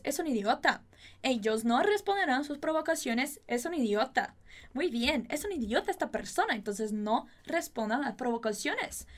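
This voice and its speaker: Casting: high-pitched Portuguese-speaking woman as a Spanish tutor, slow drilled phrases, chatty asides. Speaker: Spanish teacher. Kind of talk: language lesson with drills.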